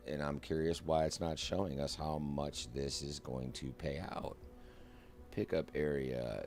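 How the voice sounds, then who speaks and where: A man's voice: rumbling low, gravelly, darkish tone. A man giving casual, chatty commentary while streaming a flight simulator, narrating each step aloud with self-mocking asides.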